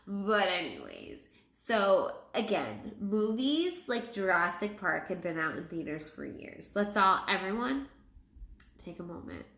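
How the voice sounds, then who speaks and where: A woman chats through a casual movie review with a middling pitch. She sounds tipsy and rambles, circling back to the same points. The room around her voice is noticeably echoey. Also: very animated, unhurried, creaky, a bit bright. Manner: tipsy, rambling, repeating herself.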